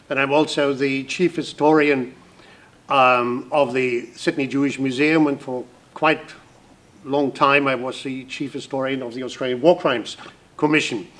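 A man's voice: medium pitch, a bit bright. An older man, a history professor, introducing himself briefly and matter-of-factly in a seminar room. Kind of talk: self-introduction at an academic workshop.

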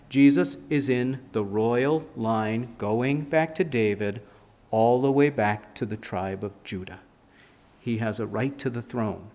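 A fifties-aged pastor with a medium-pitched, slightly mellow voice stands at the pulpit of a church sanctuary, preaching emphatically and gesturing. Sound comes from the pulpit mic, with a fixed camera filming.

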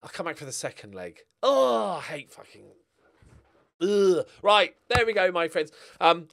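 A middle-aged gaming streamer talks into a close desk mic, his medium-pitched voice carrying a fairly bright tone. He gives casual, sweary commentary on a football manager game, addressing both his players and his viewers.

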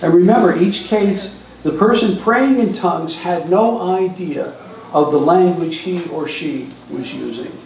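The voice sits high, a little slow and creaky yet somewhat mellow, from an older man telling stories at a church seminar. He stands at a lectern and gestures in a large hall, recorded at a distance with echo and a slight hiss or hum.

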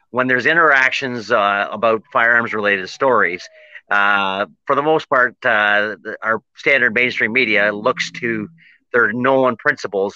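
Canadian businessman, halting answers full of uhs, forceful bright voice, dry dull lo-fi call audio. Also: lowish voice, dry recording. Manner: halting, many filler ums and uhs. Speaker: industry association president. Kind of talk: interview answers.

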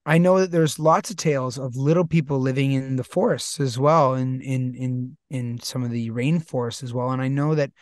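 A man's voice: mid-range voice, steady tone, normal speed, hardly any pauses, no echo, clean studio sound. A man co-hosting a podcast in casual chat, playful and jokey, from North America. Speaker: podcast co-host.

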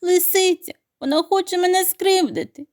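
Lady doing a worried mama duck, high and loud, cries out, bedtime story. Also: normal speed. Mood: anxious. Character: anxious mother duck, loving and proud.

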